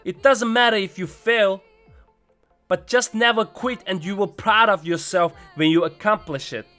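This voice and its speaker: Higher-pitched man with accented English. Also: normal speed, sharp tone. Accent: non-native English. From Uyghur region. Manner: earnest, encouraging. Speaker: vlogger recapping a fitness challenge. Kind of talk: vlog monologue to viewers. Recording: music behind the voice.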